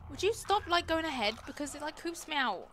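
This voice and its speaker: A young Englishwoman with a British accent plays through a game on a livestream, chatting playfully, muttering reactions and joking with her viewers. Her voice is high and sing-song, a little fast and somewhat bright, with slight background noise.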